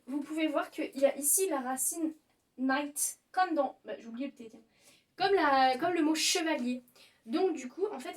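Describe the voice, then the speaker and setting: A woman's voice: high voice, distant mic. A young woman, a video host, explaining pronunciation in a casual, playful way and exaggerating the mistakes. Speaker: YouTuber teaching pronunciation.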